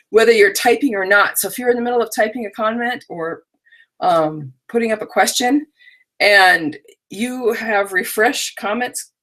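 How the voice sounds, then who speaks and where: This is casual live-stream chat from a middle-aged woman hosting an online crafting workshop in her home stamp room. She rambles and chats to viewers off camera, her voice a little high, pushed and bright, though scratchy and drowsy too.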